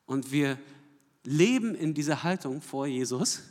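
In a church hall with long, lingering reverb, a preacher delivers an unhurried sermon in a fairly high, animated voice that keeps rising and falling. He presses his points with rhetorical questions and frequent tag checks to the congregation.

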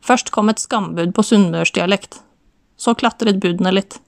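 Woman audiobook narrator, steady even storytelling, very dry studio sound. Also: medium pitch, gravelly, dry recording. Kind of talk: scripted narration.

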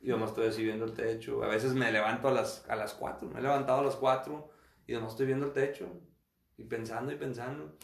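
A man talks fast and openly, tripping over and restarting his words as he goes. His pitch sits in the middle range for a man. The recording carries a noticeable room echo. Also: steady tone, gravelly. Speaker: guest sharing his own experience. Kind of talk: candid conversational interview.

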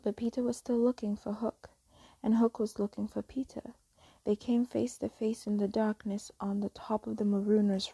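A woman telling a fairy tale as a soft, slow, whispered bedtime story reading. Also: on the high side, gravelly, husky, dry recording, poor audio.

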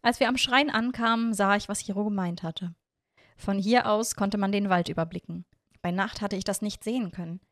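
A woman narrating a first-person storybook in an even, measured way. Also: mid-range voice, dry recording, studio quality. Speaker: audiobook narrator.

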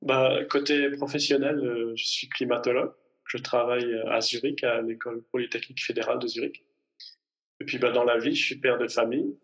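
A man's voice: medium pitch, flat delivery, a little fast, fairly bright tone, low-quality recording. A man in his thirties from the French Alps, a climate scientist answering interview questions with many fillers and restarts. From Hautes-Alpes, France. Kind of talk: podcast interview.

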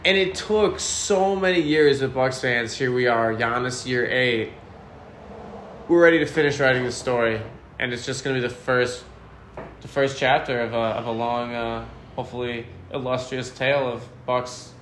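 A man's voice: medium pitch, moderate pace, a bit bright. A man hosting a casual sports podcast, talking enthusiastically and rambling as he speaks straight to the fans. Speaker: podcast host. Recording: roomy with faint noise.

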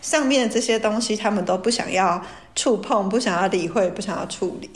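A woman's voice: mid-range voice, a little fast. A woman with a Taiwanese Mandarin accent speaking as a guest in a casual conversation about work. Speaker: guest talking about her job. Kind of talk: casual chat.

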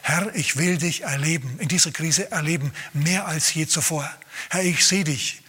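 A man's voice: a little high, moderate pace, pushed and bright, slightly rough, big-room sound. A man voicing an eager male disciple who pleads fervently in a sermon retelling. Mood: fervent pleading.

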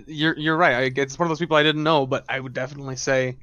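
A man's voice: mid-range voice, fairly even intonation, fast talker, sharp tone, muffled recording, a little hiss or hum. A man in a casual podcast chat who mostly chimes in with brief, agreeing remarks.

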